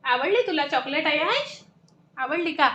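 A woman's voice: high-pitched, lively intonation, normal speed, fairly bright tone, slight background noise. A young woman vlogging at home on a phone, chatting to viewers and coaxing a toddler in a sing-song way. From Sakoli, Maharashtra. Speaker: family vlogger. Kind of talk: casual home vlog. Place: family home indoors.

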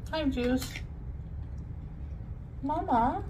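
A woman's voice: high-pitched, very slow, warm tone, a little hiss or hum. Woman talking while chewing her food. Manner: chatty, describes her food. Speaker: vlogger. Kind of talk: casual mukbang vlog.

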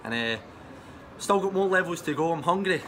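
A Scottish man, a personal trainer, talking fast and earnestly as a guest in an outdoor vlog. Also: on the high side, expressive, fairly bright tone. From Scotland. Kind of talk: casual vlog chat. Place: outdoors on a street in Scotland. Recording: outdoor street noise with traffic.

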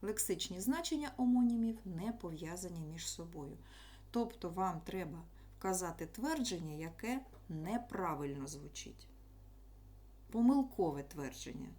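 Low mellow-voiced woman teaching children. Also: animated, a little slow. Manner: patient, explaining step by step to children. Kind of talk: online school lesson.

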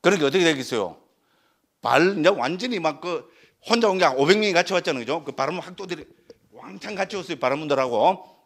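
A man's voice: a little high, lively intonation, quick pace, a bit bright. A middle-aged man with a Gyeongsang Korean accent, a Buddhist monk lecturing on scripture and constantly tossing rhetorical questions to his listeners. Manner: peppers talk with rhetorical questions.

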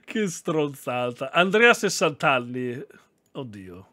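A man's voice: medium pitch, sing-song, takes it slowly, bright, forceful tone, a little hiss or hum. A young man chatting animatedly on a live stream, reacting to posts and thanking viewers, often breaking into laughter.

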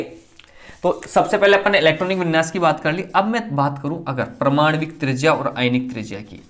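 A male chemistry teacher speaking in a fairly high voice, moving quickly through an online lecture. He explains step by step, keeps posing questions to his students and then answers them himself.

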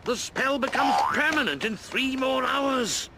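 A man voicing a practical, worried male raven in a cartoon dub, brisk and wry. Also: very high-pitched, animated, heavy background noise, exaggerated voice. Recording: loud music under the dialogue.

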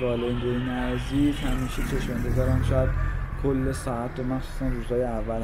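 A man in his thirties from Iran narrates a walking tour, his talk easy and nostalgic at an ordinary middle pitch. He walks outdoors past schools, recorded on a handheld camera. Traffic and street ambience come through clearly behind him. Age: 30s. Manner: reflective, nostalgic, conversational. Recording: street noise clearly audible.

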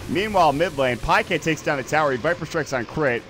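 A man doing play-by-play commentary on an esports match, quick and excitable in fights and laid-back in the lulls. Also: on the high side, faint music behind.

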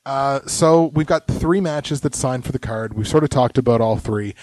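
A man on a podcast, talking through his opinions while he is sick. His voice is mid-pitched and sits dry and close to the mic. He rambles and sometimes drops into muttered asides. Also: moderate pace, a little mellow, no room sound. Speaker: podcast co-host. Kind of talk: casual wrestling chat.

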